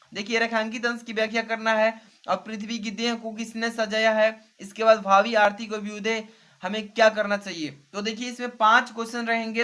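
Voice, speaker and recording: A man's voice: high-pitched, fairly bright tone. A male teacher explaining an exam model paper step by step and often checking in with his students. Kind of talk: exam revision lesson.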